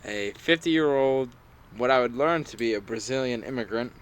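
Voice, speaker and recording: A man's voice: medium pitch, moderate pace, clear, resonant tone. Young man rambling through a story. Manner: rambling storyteller, drops quoted voices into the tale. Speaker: podcast co-host. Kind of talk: casual chat.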